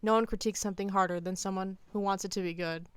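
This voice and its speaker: Her scripted opinion commentary comes out fast and deadpan, with firm emphasis on key phrases, from a woman video essayist with a clean, smooth, mid-pitched voice. The recording is very dry, lacking room sound or echo.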